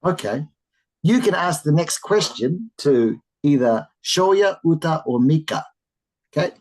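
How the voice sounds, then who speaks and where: A teacher running an online English class for children over a video call, animated and encouraging, often exclaiming in surprise. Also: mid-range voice, a little slow, rough recording.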